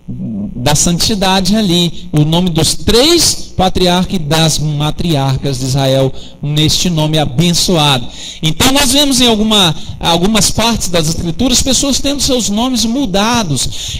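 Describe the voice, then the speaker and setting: A man preaching a sermon, explaining scripture slowly with rhetorical questions. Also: sits high, a bit bright, poor audio. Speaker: rabbi preaching.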